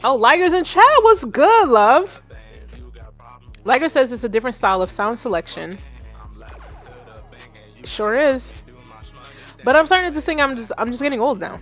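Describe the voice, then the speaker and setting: A woman in her thirties hosts a live stream, reacting to submitted tracks in a loose, animated way and poking fun at herself. She talks straight to her chat. Faint music plays in the background. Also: high voice, normal speed, pauses often. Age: 30s. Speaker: livestream host giving music feedback. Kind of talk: casual livestream commentary.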